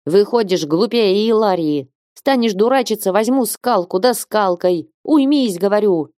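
A woman voicing a stern older nun who shouts loud scolding orders. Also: medium pitch, expressive, a little slow, no room sound, clean studio sound, pitched above the performer's own voice, lightly acted.

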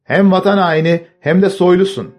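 A man voicing an angry man from a revolutionary mob, shouting high and loud. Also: fairly even intonation, moderate pace, soft background music. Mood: furious. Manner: shouting, furious.

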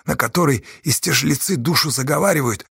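A male narrator voicing a hoarse young man held captive, rasping in a half-whisper. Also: a little high, fairly quick, fairly bright tone, no echo, studio quality, full character voice. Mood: urgent.

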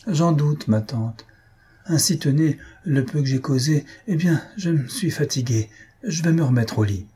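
Brief: reader as a young layabout faking illness, feeble and languid, dark husky tone. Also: male voice, on the high side, expressive, measured pace, voice pushed up, exaggerated voice. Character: lazy gluttonous young man feigning illness.

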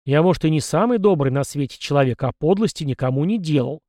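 A blunt young soldier, voiced by a man narrating a storybook. He snaps back sarcastically in a fairly high, plain voice. The recording is dry and close. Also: lively intonation, fast, warm tone, dry recording, natural voice.

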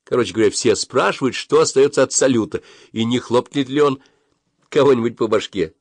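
A man's voice: medium pitch, brisk, no room sound, voice pushed up, lightly acted. A man reading an audiobook, voicing a sarcastic, sing-song middle-aged mother in a raised voice. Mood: coaxing. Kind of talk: audiobook character voice.

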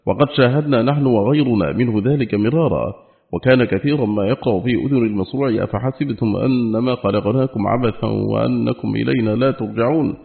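A man reading a religious book aloud in a formal, steady, measured recitation. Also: mid-range voice, creaky. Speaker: audiobook reader. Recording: narrow phone-like audio.

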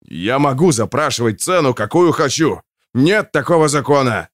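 A man doing a defiant shouting stall owner. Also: mid-range voice, expressive, moderate pace, dry recording, studio quality, natural voice. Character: stubborn angry male cracker stall owner.

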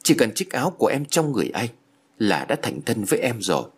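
A man's voice: on the low side, sing-song, a little fast, breathy edge, heavily acted. A man voicing a stern, vengeful young female ghost in a spoken ghost story. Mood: insistent. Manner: stern, urgent.

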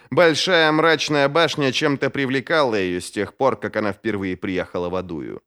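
A man narrating a fantasy audiobook in a dramatic, expressive way. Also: on the low side, smooth. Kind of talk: scripted narration.

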